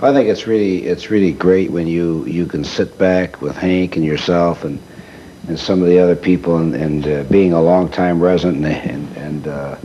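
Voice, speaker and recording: A man with a low, dark voice hosts a casual interview and drops in short questions. The audio is dull and lo-fi, with a faint hum of room noise behind him. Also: steady tone, moderate pace. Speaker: host.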